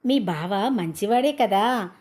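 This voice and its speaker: A woman's voice: mid-range voice, lively intonation, slow pace, a little mellow. A woman voicing a cheerful young friend who teases and gives advice. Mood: teasing. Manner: teasing, laughing.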